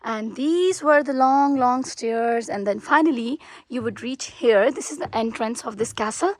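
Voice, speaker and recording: A woman's voice: fairly high pitch, a little slow, darkish tone, dry recording. Chatty upbeat woman vlogging outdoors. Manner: chatty, upbeat, lots of fillers and restarts. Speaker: travel vlogger. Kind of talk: casual travel vlog narration. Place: outdoors, walking around a hilltop castle and lake.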